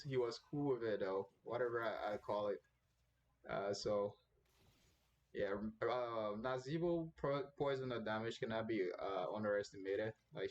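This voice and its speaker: A young man talks through his match in a loose, rambling way, full of ums and uhs. His voice sits fairly low. A faint hiss of noise runs under the recording. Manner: rambling, filler-heavy, thinking aloud. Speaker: gameplay commentator. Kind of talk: casual gameplay commentary.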